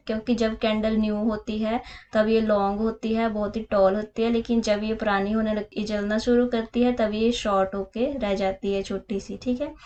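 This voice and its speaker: Indian woman teacher, unhurried, fairly high voice, explains step by step for children. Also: darkish tone. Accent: Indian English. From Punjab, India. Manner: explains patiently, mixing Hindi and English, reads English slowly. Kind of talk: classroom lesson explanation.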